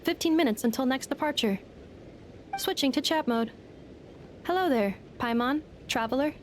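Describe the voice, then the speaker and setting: A polite machine courier giving status reports. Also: female voice, sits high, expressive, normal speed, a little hiss or hum. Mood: matter-of-fact. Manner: clipped, announcing status updates. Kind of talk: video game voice acting.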